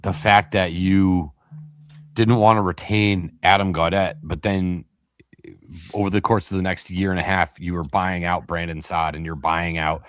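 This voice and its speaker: Male podcast co-host, deep voice, dry close-miked sound, rambling casual delivery. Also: level tone, unhurried, fairly bright tone, dry recording. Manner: rambling, many fillers and restarts. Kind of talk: casual sports chat.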